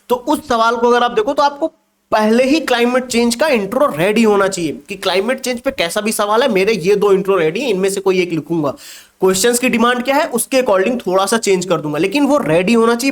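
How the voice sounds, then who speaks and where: A man teaching exam preparation, lecturing emphatically and firing rhetorical questions at his students. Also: high voice. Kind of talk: motivational exam-prep lecture.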